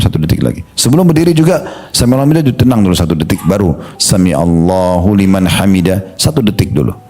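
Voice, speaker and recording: Male preacher, middle-aged, relaxed sermon, slow recited prayer lines, warm low tone. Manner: conversational, demonstrates slow prayer recitations with pauses. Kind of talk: religious study sermon.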